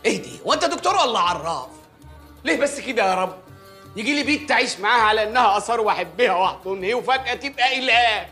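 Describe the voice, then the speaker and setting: A man playing a boastful, fussy Egyptian village mayor in a film comedy, with an Egyptian accent and a rapid, excitable way of complaining. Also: high-pitched, soft background music. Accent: Egyptian Arabic.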